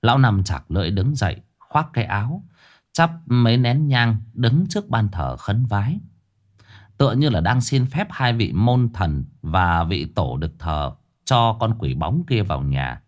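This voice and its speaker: A man narrating a horror story in a lively storytelling way. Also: fairly low pitch, a little slow.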